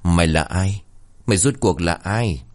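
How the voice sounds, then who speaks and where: A man voicing a violent old wealthy master who shouts threats in a tale read aloud. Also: deep voice, moderate pace, close to an everyday voice. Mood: alarmed.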